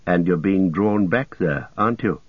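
A man doing a stern, quiet hobbit. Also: low-pitched, normal speed, slightly rough, no room sound. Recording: dull lo-fi dry recording.

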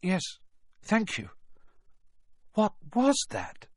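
A man's voice: huge pitch swings, very slow, no echo, clean studio sound, full character voice. A man doing a startled young schoolboy. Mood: earnest, startled. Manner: higher-pitched, earnest and questioning. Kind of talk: audiobook character reading.

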